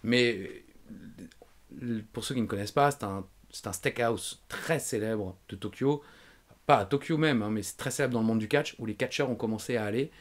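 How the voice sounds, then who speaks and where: A man's voice: medium pitch, normal speed. Rambling man telling travel stories. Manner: rambling travel anecdotes, self-mocking. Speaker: podcast host. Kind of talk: casual podcast chat.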